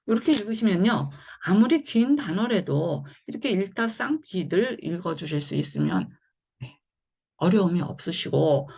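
A woman teaches phonics in a patient, repeating way, and her voice has a gravelly, husky edge. Her pitch moves a lot as she explains each step. The recording sounds dull and lo-fi. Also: a little mellow. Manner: patient, repetitive explaining with frequent "자" and "네". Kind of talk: online phonics lesson.

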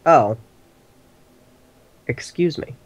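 A man co-hosting a game stream as commentator, goofy and jokey with deadpan asides. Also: extremely slow, dull audio. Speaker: co-host commentator. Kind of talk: casual let's-play chat.

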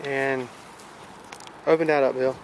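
Out in an open farm field, a relic-hunting vlogger from the American South jokes around casually, repeating himself often. His mid-range voice is slow and steady, picked up on a handheld camcorder mic amid wind and noise.

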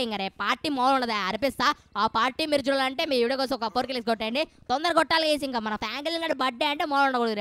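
A woman giving excitable, playful gameplay commentary straight to her viewers. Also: sits high, clear, resonant tone, dry recording. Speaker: gameplay streamer.

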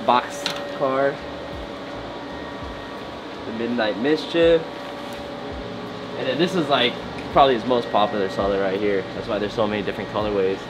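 A man's voice: mid-range voice, background noise. A young man hosting a casual vlog, joking and laughing as he shows things around a warehouse. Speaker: vlog host. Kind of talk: casual tour chat. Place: indoor warehouse.

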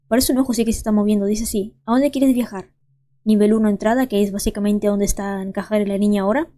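A woman's voice: a little high, mellow. A young woman, hosting a let's play and chatting to viewers as she thinks aloud. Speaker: gaming channel host.

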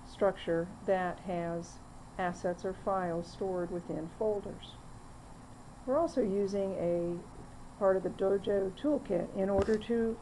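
A woman narrating a screen-recorded software demo, walking through the steps plainly with frequent fillers. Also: mid-range voice, slight background noise, rough recording. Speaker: software demonstrator.

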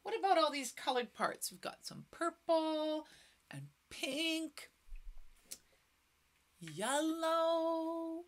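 Slow, playful woman teacher with stage whispers. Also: high voice, a bit bright. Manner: playful, exaggerated, drops often into stage whispers. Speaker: children's music teacher. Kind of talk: children's music class.

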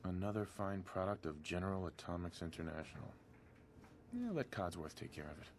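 A man playing a young husband and father with relaxed, wry domestic asides. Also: low voice, fairly quick, a little hiss or hum.

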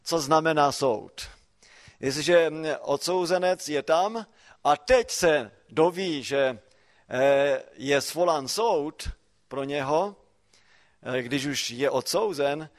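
Emphatic preacher, fairly high voice. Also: male voice, gravelly. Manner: rhetorical questions, swings from quiet to emphatic. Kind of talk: sermon.

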